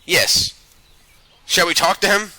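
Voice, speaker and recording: A man's voice: high-pitched, big pitch swings, slow, pushed and bright, low-quality recording. A man hosting a let's play, giving casual gaming commentary and swearing freely on a close mic.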